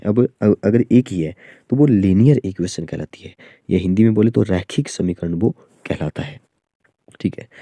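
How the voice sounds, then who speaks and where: Low dark-voiced male maths tutor. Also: no echo. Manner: explains slowly with many fillers and "theek hai". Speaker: maths teacher. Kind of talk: online exam-prep lesson.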